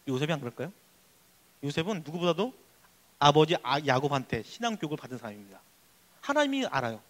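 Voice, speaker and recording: A male pastor giving an emphatic, excitable sermon at a church youth service. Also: high-pitched. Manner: excitable, emphatic preaching that acts out prayers.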